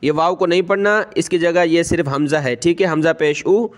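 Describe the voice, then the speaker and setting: A man with a Pakistani Urdu accent gives a spelled-out recitation lesson on reading the Quran, slowly drawing out each recited word and breaking it into letters and vowel marks. Between recitations he explains things more quickly. His pitch is fairly high and his tone steady.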